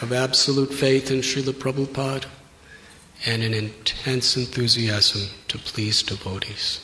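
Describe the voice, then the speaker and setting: A man giving a devotional address as a visiting preacher, speaking solemnly in short, measured phrases left open for an interpreter. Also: medium pitch, level tone, sharp tone. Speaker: visiting Hare Krishna preacher. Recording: echoey reverberant hall, noisy.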